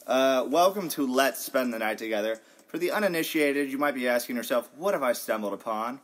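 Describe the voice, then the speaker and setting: A man's voice: mid-range voice, animated, fairly quick. A man co-hosting a comedy chat podcast, announcing with playful, theatrical flair. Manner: playful, theatrical announcer delivery with frequent laughs. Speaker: podcast co-host.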